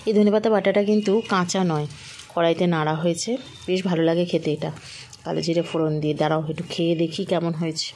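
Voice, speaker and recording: A woman speaks softly to her viewers as she eats by a sunny window, savoring each bite aloud. Her voice sits a little low. A faint hiss runs under it. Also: steady tone, fast. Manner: soft-spoken, hushed. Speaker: food vlogger. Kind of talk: casual vlog chat while eating.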